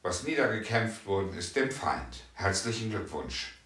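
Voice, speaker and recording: A man preaching a sermon with emphasis, repeating key phrases slowly and forcefully. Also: on the low side, sing-song. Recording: echoey room, mic at a distance.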